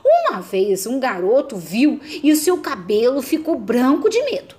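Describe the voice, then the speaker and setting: Brief: woman storyteller host, slow, bright, sing-song. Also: high voice, wildly swooping pitch. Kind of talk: children's story reading.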